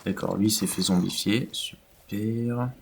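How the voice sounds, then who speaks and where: A man's voice: on the low side, steady tone, measured pace, vocal fry, noisy background. A man giving casual, rambling commentary over his own video game play, with many fillers. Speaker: gaming YouTuber.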